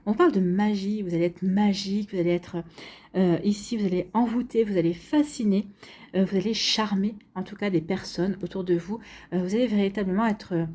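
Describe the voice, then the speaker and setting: A woman's voice: mid-range voice, warm tone. A woman giving a casual tarot reading to her viewers, chatty and full of fillers and repeats. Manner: chatty, many fillers and repeated "donc ici". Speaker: tarot card reader.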